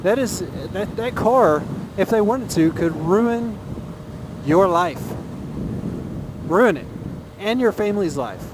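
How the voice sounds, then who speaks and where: Taking it slowly and pausing often, a man with a high voice and lively intonation shares his opinions on a ride, recorded through his helmet mic. He's a Texas motovlogger, casual and earnest, who repeats phrases for emphasis over loud wind and engine noise.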